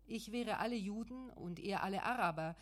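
A woman narrating a first-person memoir audiobook in a measured, reflective way. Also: mid-range voice.

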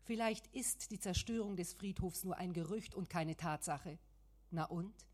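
A woman reading the lines of an angry, grieving man who accuses and defies, loud and bitter, in an audiobook. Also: on the low side, unhurried. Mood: angry, accusing.

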